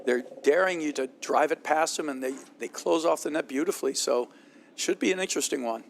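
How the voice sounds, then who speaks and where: A man commentating a platform tennis final, talking at length in a relaxed, analytical way, his voice strained from hours of talk. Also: on the high side, a little fast, vocal fry, slight background noise. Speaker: play-by-play commentator. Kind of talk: sports commentary.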